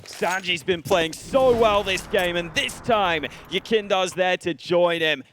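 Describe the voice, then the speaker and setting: Analytical male esports caster, higher-pitched voice. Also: unhurried, fairly bright tone, a little hiss or hum. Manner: analytical, breaking down each play. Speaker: esports commentator. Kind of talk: esports caster commentary on a live match. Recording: game gunfire and clicks behind voice. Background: game gunfire and clicks.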